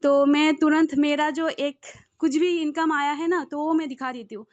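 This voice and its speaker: A woman student answering her trainer's question on an online class, hesitant with many pauses. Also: high voice, fairly even intonation, no room sound, highs cut off. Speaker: sales student.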